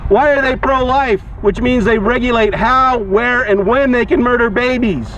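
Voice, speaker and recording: Outdoors by a walkway and car park, a man with an extremely high, fairly bright voice street preaches through a megaphone, accusing in short, projected phrases as open-air protest preaching. An action camera beside the megaphone captures dull amplified sound, outdoor noise and cars.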